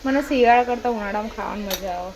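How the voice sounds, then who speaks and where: A woman's voice: medium pitch, fast, very noisy. A woman in her thirties, a mother chatting casually in a home vlog, teasing and scolding her kids as she talks. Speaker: vlogger and mother.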